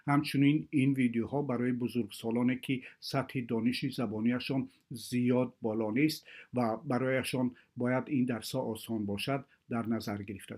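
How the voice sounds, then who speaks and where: A man introducing a language course in a formal, measured way. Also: medium pitch, a little mellow. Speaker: course presenter. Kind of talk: explanatory introduction to a lesson.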